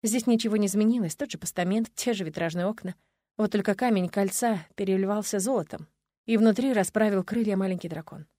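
A woman narrating a first-person fantasy romance audiobook in an expressive storytelling manner. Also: mid-range voice, fairly quick, dry recording, clean studio sound.

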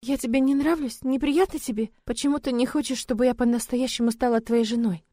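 A woman's voice: on the high side, steady tone, a little fast, mellow, no room sound, studio quality, voice pushed up, natural voice. A woman voicing a shy, timid young bride who stammers and speaks hesitantly. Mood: anxious.

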